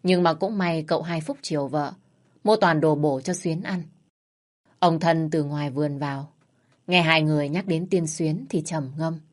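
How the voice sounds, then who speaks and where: Calm low-voiced woman storyteller. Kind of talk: scripted story narration.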